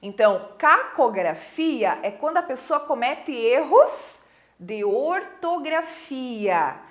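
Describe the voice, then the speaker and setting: In a recorded lesson, a woman teacher speaks slowly in a high voice with big swings in pitch, her accent Brazilian Portuguese. She explains patiently and keeps checking that the students follow along.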